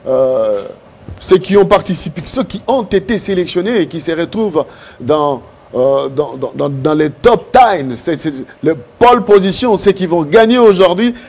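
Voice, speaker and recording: A man presenting a live TV event, talking in a hurried, repetitive, excitable way. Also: fairly high pitch.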